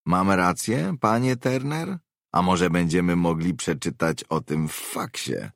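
A sardonic veteran mercenary , as a male narrator plays him, with dry mockery in every line. The voice is gravelly and deep, unhurried, with a close dry studio sound. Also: animated, dry recording, heavily acted. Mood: mocking. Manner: dry, mocking questions.

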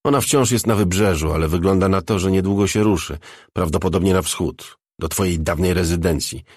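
A man voicing a crude, cold crime boss who speaks calmly and flatly. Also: sits low, a little fast, dry recording, studio quality. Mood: detached. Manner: calm, detached, swearing.

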